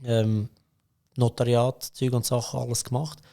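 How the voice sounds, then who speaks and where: Mellow and unhurried, a middle-aged man's medium-pitched voice comes out flat with vocal fry. He has a Swiss German accent and, as a CEO guest on a podcast, tells stories casually, chatting, laughing frequently, and using many fillers and restarts.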